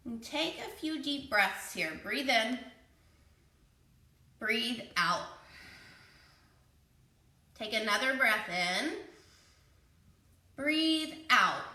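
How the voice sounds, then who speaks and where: A young woman leading a children's yoga class, giving playful, encouraging step-by-step cues in a slow, easy rhythm. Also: a little high, lively intonation, bright, forceful tone, recorded from a distance. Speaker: kids yoga teacher. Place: room with children. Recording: echoey room, voice from afar.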